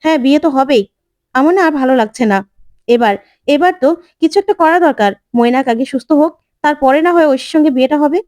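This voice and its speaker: Exasperated young groom, voiced by a woman, arguing, high pitch, dark tone. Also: fast talker, no echo, studio quality, close to an everyday voice. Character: hot-headed young man, groom.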